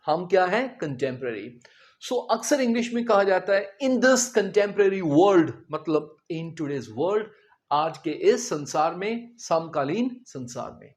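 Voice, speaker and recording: A male teacher giving a vocabulary lesson, spelling each word letter by letter, explaining it in simple terms and putting questions to his students. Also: fairly high pitch. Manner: addresses the students directly with questions.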